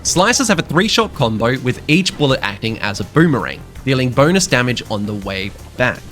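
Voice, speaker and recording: A young man with a sick voice walks through a game update in scripted narration, cracking jokes as he goes. His delivery is playful, and his pitch swings widely while staying mid-range. Faint music plays underneath. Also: a little fast. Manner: playful, joking, animated delivery. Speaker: gaming YouTuber.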